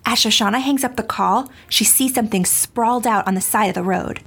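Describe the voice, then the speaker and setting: Actress as a gossipy journalist narrator, wry scripted delivery, slightly high voice. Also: female voice, brisk, a bit bright, husky.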